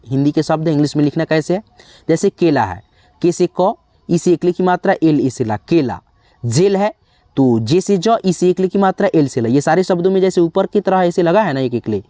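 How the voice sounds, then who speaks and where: A teacher slowly spelling out words one letter at a time, often calling the listeners friends. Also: mid-range voice, dark tone, no echo, clean studio sound. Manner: slow, drawn-out spelling with frequent "dosto". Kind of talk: spelling lesson.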